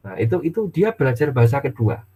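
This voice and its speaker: A man's voice: mid-range voice, big pitch swings, fast talker, dark tone, breathy edge. A middle-aged male university lecturer, giving a casual online lecture and acting out little dialogues with his child. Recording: tinny phone-like audio.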